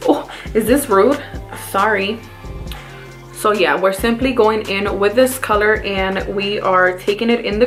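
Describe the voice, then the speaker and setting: A beauty vlogger with a Mexican accent and a mid-range, slightly bright voice chats casually through a makeup tutorial, walking viewers through every step.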